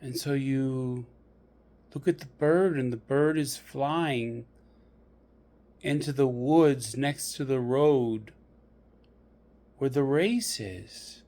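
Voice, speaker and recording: With careful pacing and frequent pauses, a man narrates a guided meditation like a story. His voice is mid-range with a dark tone.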